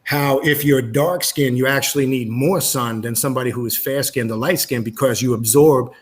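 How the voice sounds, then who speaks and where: At medium pitch, a male guest on a relaxed livestream interview gives long, measured explanations. His speech is sprinkled with frequent "uh"s and "um"s.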